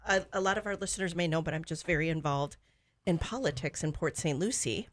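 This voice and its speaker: A woman's voice: low-pitched, a little fast. A woman co-hosting a talk show, chatting eagerly and enthusiastically. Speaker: co-host. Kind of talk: casual chat.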